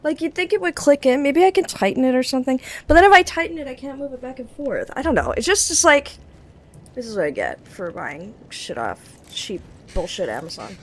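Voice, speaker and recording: Young woman gamer streaming, high voice, rambly and swears a lot, cheap desk mic. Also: sing-song, brisk, slight background noise. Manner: rambling, loose, swears casually. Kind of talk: casual gaming stream chat. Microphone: cheap desk mic on an arm.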